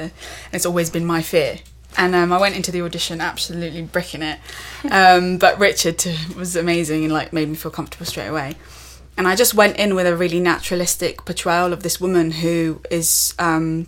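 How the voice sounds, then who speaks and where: A woman's voice: fairly low pitch, a bit bright. A woman actor, chatting as a guest in an interview and using lots of fillers. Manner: chatty, lots of fillers, rises into laughing asides. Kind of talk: casual interview chat.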